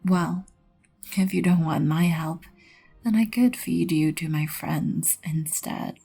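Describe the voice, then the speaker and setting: For an ASMR roleplay set to background music, a woman gives a full character voice as a regal vampire queen, low and breathy, often near a whisper, with a creaky edge. She speaks softly and with measured poise, haughty yet wryly merciful, in a coolly threatening mood.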